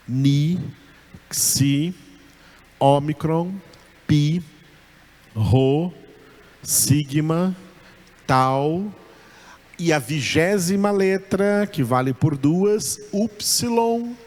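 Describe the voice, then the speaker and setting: A man with a Brazilian Portuguese accent teaching a recorded Bible school lesson, speaking slowly and patiently, repeating each sound several times. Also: on the high side, a little mellow. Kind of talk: recorded lecture.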